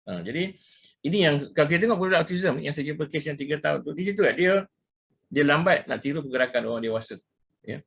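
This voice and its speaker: A middle-aged man with a Malaysian Malay accent, lecturing over slides. He talks fast in a husky voice, circling back on his points and slipping English words into his speech. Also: on the high side, lively intonation, fairly bright tone. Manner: casual, repetitive, mixes in English words, frequent "ya" and "ha". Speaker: ruqyah practitioner giving a talk.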